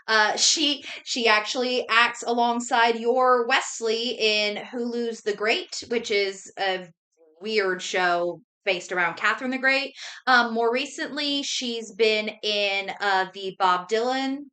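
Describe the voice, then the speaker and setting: A woman's voice: on the high side, takes it slowly, pushed and bright. A young woman co-hosting a casual chat about recasting a movie, talking in a chatty, rambling way with many fillers. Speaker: podcast co-host.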